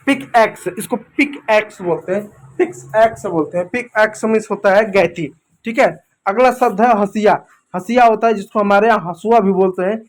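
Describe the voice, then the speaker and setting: A man with a fairly high voice teaches English words in an informal classroom manner. He says each word again and again and keeps checking in with his listeners. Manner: repeats words, keeps saying "theek hai" and "dekho doston". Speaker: English teacher on a kids' channel. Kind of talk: informal Hindi vocabulary lesson.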